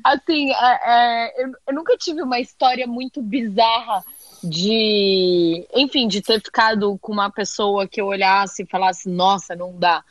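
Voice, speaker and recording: A woman's voice: fairly high pitch, steady tone, unhurried, dry recording, lo-fi sound. A Brazilian woman co-hosting a casual podcast, hesitant and self-deprecating as she talks. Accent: Brazilian Portuguese.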